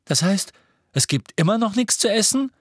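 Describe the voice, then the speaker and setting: A man's voice: high-pitched, big pitch swings, moderate pace, slightly rough, no room sound, studio quality, voice pushed up, exaggerated voice. A man voicing a grumpy, hungry teenage boy, sulky and sarcastic, who talks in whiny, growling complaints.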